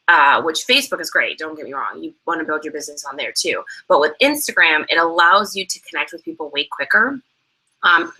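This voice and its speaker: A young woman with a fairly low, bright, forceful voice co-hosts an online sales training, and the audio quality is poor. She chats her way through the steps, laughing readily and leaning heavily on fillers.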